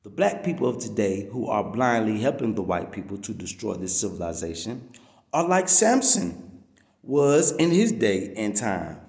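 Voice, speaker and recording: A man reads a religious-political message aloud at a moderate pace in a sing-song, lowish voice with vocal fry and a darkish tone. His delivery is emphatic and sermon-like, drawing out stressed words. Reverb surrounds him.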